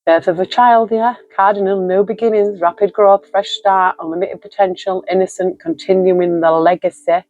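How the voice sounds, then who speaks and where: A woman's voice: mid-range voice, fairly even intonation, normal speed, hardly any pauses, a little mellow, no room sound, lo-fi sound. A woman giving a spoken tarot card reading, reflective and emotional, listing card meanings aloud. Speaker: tarot reader.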